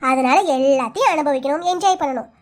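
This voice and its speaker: A woman's voice: sits high, a little fast, close to an everyday voice. A woman voicing a carefree, cheerful young woman who talks breezily in a Kanyakumari Tamil accent, in a cartoon. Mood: breezy. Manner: breezy, teasing.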